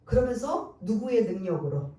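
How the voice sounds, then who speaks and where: With an expressive, dark, medium-pitched voice and a moderate pace, a woman pastor preaches to her congregation in the sanctuary. Emphatic, she tests them with rhetorical questions. The mic sits far away, and the church hall is very echoey.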